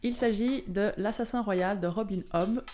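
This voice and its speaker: A woman reading a passage from a novel aloud, with measured storytelling delivery. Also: mid-range voice, mellow, a little hiss or hum. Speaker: reader.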